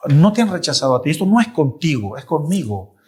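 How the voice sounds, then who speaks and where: A man voicing God as a calm, firm king. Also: fairly high pitch, a little fast. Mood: firm, measured. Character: God speaking, calm and sovereign male voice.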